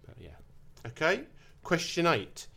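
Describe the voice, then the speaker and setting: A man's voice: a little high, huge pitch swings, measured pace, bright, forceful tone, husky. A man with an Essex accent, chatting casually and jokily as he hosts a podcast quiz. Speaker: quiz host.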